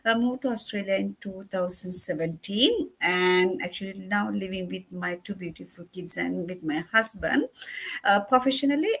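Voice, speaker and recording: A woman's voice: medium pitch, moderate pace, gravelly, fairly bright tone, husky. Friendly woman from Sri Lanka, guest. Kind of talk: self-introduction on video call.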